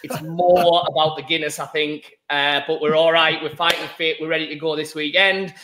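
A man presents a casual sports show with a croaky, mildly hoarse voice. His pitch sits a little above the usual male range. He is chatty and jokey as he hosts. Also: flat delivery, moderate pace, bright, forceful tone, slight background noise. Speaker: podcast host.

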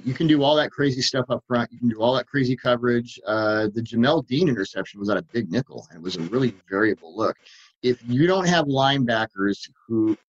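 A man co-hosting a football podcast, rambling eagerly through plays and laughing as he goes. He talks at a medium pitch. His audio sounds dull and lo-fi. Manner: excitable, rambling, quick to laugh. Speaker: podcast co-host, football writer. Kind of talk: casual podcast chat.

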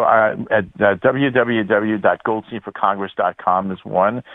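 A man's voice: fairly low pitch, no room sound, narrow, tinny audio. A man speaking as a guest on a radio talk show by phone, rambling with many fillers. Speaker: guest and candidate.

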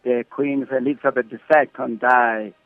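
Man putting on a halting foreign correspondent, phone line. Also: medium pitch, fairly even intonation, no echo, close to an everyday voice. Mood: halting, earnest. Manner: halting, stammering, repeats words. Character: bumbling male British correspondent with halting, accented Spanish. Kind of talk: comic mock radio news report. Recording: thin phone-like line, music behind.

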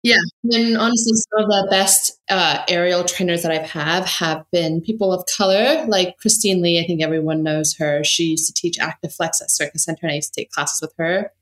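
A woman's voice: on the low side, steady tone, moderate pace, hardly any pauses, a bit bright. Dry-humored woman in her thirties, echoey. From raised in the UK. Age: 30s. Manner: dry, joking, matter-of-fact. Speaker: podcast guest. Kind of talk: casual interview chat. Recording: echoey room.

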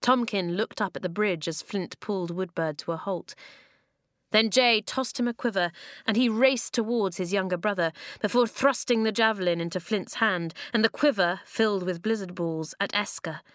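A woman narrating a children's storybook in an expressive way, slowing down for dramatic moments, on a close studio mic. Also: medium pitch, no echo. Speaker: audiobook narrator. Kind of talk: storybook reading.

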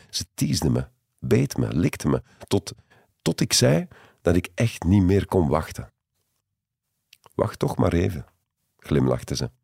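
Very deep, husky man narrating. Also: dry recording, studio quality. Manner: intimate, measured storytelling. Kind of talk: scripted first-person narration.

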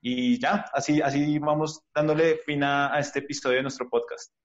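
A man's voice: a little high, level tone, normal speed. A man hosting a podcast in a casual, conversational style. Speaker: podcast host. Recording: slightly dull, lo-fi audio.

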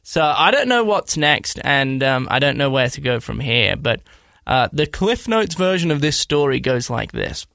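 A man in his thirties with an Australian accent, co-hosting a podcast and telling a story in a rambling, animated way with lots of fillers and restarts. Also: mid-range voice, normal speed, vocal fry, no room sound, clean studio sound. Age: 30s. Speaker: podcast co-host. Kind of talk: casual storytelling chat.

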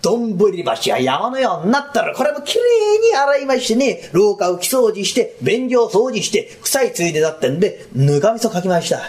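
A man's voice: high voice, very animated, a little fast, hardly any pauses, darkish tone. A man doing a rambling Edo townsman. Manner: sheepish, rambling, rough Edo street speech. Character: bumbling boastful Edo townsman Kuma, smitten. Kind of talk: rakugo storytelling.

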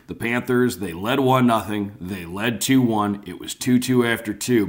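A man hosting sports radio, giving a conversational recap. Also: fairly low pitch.

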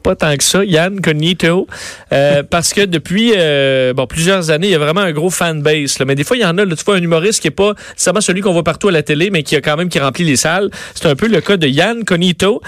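A man's voice: on the high side, fast talker, fairly bright tone, no room sound, clean studio sound. A man with a Quebec French accent, a radio columnist telling odd news stories in a chatty way, full of fillers. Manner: chatty storytelling, many fillers. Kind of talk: casual radio chat.

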